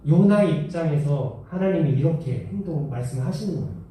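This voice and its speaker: A youth pastor giving a conversational sermon to teenagers, often asking them questions. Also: male voice, a little high, lively intonation, a little fast, warm tone. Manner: conversational, asks the audience questions. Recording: echoey hall, mic far off.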